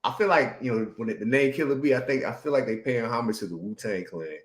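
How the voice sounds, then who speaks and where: A man's voice: mid-range voice, fast. A man co-hosting a casual podcast chat, talking loosely in slang with lots of fillers. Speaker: podcast co-host. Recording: roomy echo.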